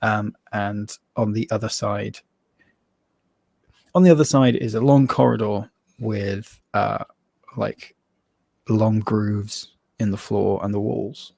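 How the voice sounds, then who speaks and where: A man's voice: on the low side, steady tone, takes it slowly, gravelly, long pauses, a little mellow, no echo. A man narrating a live tabletop game as game master, laughing often and rambling loosely as he describes scenes.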